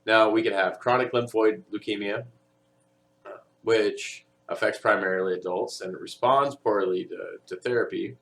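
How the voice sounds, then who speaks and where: Gravelly low-voiced man lecturing. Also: steady tone, normal speed, fairly bright tone. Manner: conversational, many fillers and tag questions. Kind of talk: recorded audio lecture.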